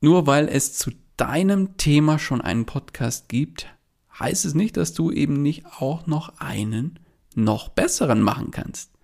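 A man's voice: fairly high pitch, animated, measured pace, gravelly, a little mellow. A man hosting a solo podcast, telling a client story and coaching listeners directly in a chatty way, with many filler words. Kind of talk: solo podcast monologue with advice.

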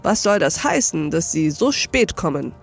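Fields: Woman putting on a gruff old moneylender. Pitch: lowered. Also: big pitch swings, moderate pace, soft background music, full character voice. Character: old male moneylender, gruff turned jovial.

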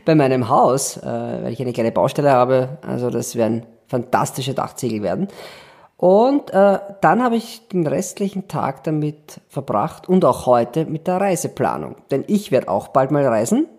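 A man's voice: medium pitch, expressive, normal speed, a little mellow. A man hosting a casual podcast chat, joking and laughing often. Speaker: podcast host.

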